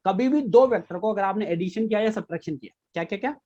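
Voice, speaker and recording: A man's voice: high-pitched, fast talker, mellow, lo-fi sound. Repetitive quizzing male physics teacher. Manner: repeats key points, quizzes students with questions. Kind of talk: live online class lecture.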